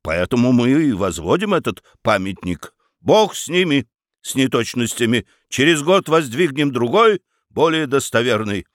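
A coaxing, smooth-tongued town official, read by a man. He talks in a soft, persuading way, as if to an old friend. The sound is dry and close. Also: medium pitch, very animated, moderate pace, dry recording, natural voice. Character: middle-aged male burgomaster, smooth, coaxing official.

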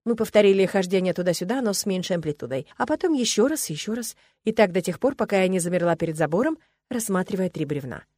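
A woman narrating a first-person story for an audiobook in an even, measured way. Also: mid-range voice, no room sound, studio quality.

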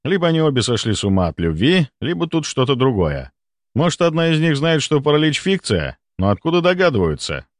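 A man reading a first-person audiobook in an expressive, animated manner. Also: a little high, a little fast, no echo, studio quality. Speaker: audiobook narrator. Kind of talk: scripted first-person narration.

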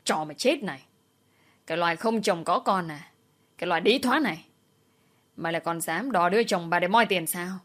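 A woman voicing a vicious older woman who hurls abuse, in a storybook reading. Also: a bit bright. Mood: furious. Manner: shrill, fast, abusive.

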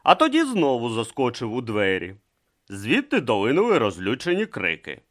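Animated male audiobook narrator. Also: mid-range voice, moderate pace.

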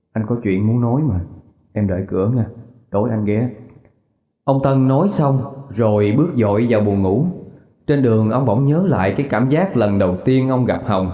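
A man narrating a ghost story in steady scripted storytelling. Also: medium pitch. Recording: roomy, dull recording with faint music.

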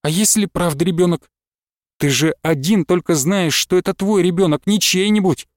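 A man's voice: high-pitched, normal speed, dry recording, clean studio sound, lightly acted. A man voicing a devoted young peasant wife who pleads in an earnest, tender rush of words. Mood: pleading.

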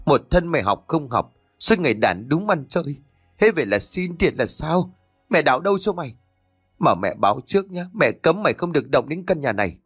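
A man reading an audiobook, raising his voice to play an older, hard-working mother who scolds and pleads in shrill cries. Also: sing-song, normal speed, slightly rough, no room sound, clean studio sound, faint music behind. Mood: scolding. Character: older woman, poor toiling mother, desperate.

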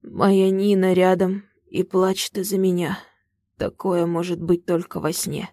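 A woman voicing a hoarse, injured young man who talks softly and teasingly. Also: flat delivery, measured pace, no echo. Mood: tender. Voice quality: hoarse, low.

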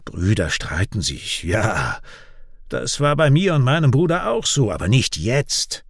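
A man voicing a steady peacemaker who speaks in a soothing, firm way. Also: medium pitch, measured pace, slightly rough, dry recording, clean studio sound, heavily acted. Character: steady older man, peacemaker between brothers. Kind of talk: audiobook character voice.

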